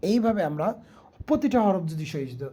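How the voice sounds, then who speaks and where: A woman leads an online Quran recitation lesson in a warm, mellow voice. She repeats each letter sound patiently and asks the viewer to answer. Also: mid-range voice, sing-song, a little fast, slightly rough. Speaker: Quran teacher.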